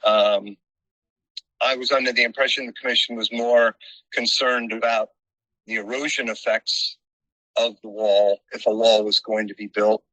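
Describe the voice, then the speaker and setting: A man heard over a phone held up to a meeting, speaking haltingly with many pauses and restarts as he explains a project to a commission. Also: lowish voice, level tone, sharp tone, no room sound. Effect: heard over a phone held up to the room. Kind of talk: public meeting remarks. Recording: muffled phone speaker audio.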